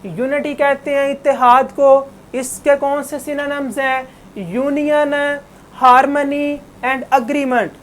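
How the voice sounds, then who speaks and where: Slow-speaking woman teacher. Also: high-pitched, fairly even intonation, a little hiss or hum. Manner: explains words and corrects pronunciation in a patient teaching tone. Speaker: English teacher. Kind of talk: online classroom lecture.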